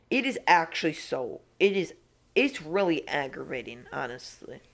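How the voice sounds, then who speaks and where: A man's voice: on the high side, big pitch swings, a little slow, vocal fry, fairly bright tone. A young man streaming a hunting game, chatting casually and rambling with restarts and frustration. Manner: rambling, self-interrupting, frustrated. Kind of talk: casual live-stream chat.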